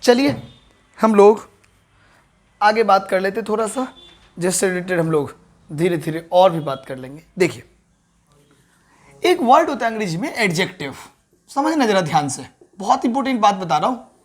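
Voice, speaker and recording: A man's voice: sits high, big pitch swings. Male teacher explaining grammar step by step. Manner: keeps asking the viewers whether they understood; repeats key terms slowly to stress them. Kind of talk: online grammar lesson.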